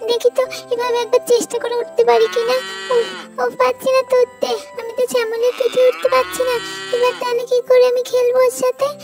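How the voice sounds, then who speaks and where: A woman voicing a mischievous little child in a storybook doll story, calling out in a high, whiny way. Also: completely flat delivery, fairly quick, over music. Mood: playful. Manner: high childish whining calls.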